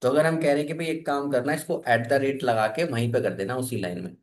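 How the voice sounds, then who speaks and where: A man's voice: medium pitch, fairly quick, slight background noise. A man teaching a programming class, asking his students questions and waiting for their answers. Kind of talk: classroom coding lesson.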